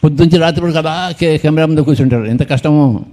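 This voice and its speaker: This meditation movement leader, an older man, talks quickly in a slightly high, dark-toned voice. He keeps the gathering informal, dropping playful, teasing asides to members of the crowd.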